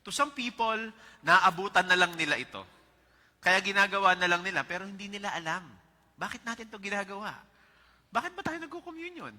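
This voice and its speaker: A man's voice: sits high, lively intonation, fairly quick, sharp tone. A Filipino man preaching a conversational sermon as pastor, mixing in English and chuckling as he tells stories. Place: church sanctuary. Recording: church hall reverb.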